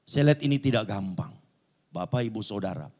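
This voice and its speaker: A middle-aged male pastor with a Manado accent preaching a sermon in a booming, vibrating voice, blunt and loud, dropping now and then to low asides. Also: expressive, a little fast. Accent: Manado Indonesian. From Manado, Indonesia.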